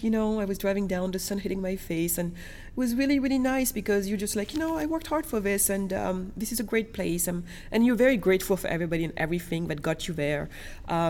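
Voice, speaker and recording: On the low side and darkish in tone, this woman's voice comes with a little hiss or hum. A Senegal native who later lived in Germany and France, she tells personal stories as an interview guest, speaking emphatically and repeating words for stress.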